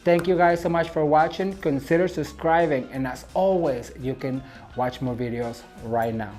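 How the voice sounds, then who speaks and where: A man's voice: fairly high pitch, normal speed, a little mellow, soft background music. A man from Mexico hosting a home decor channel, talking viewers through a DIY craft tutorial in a chatty, gushing way and calling them "you guys".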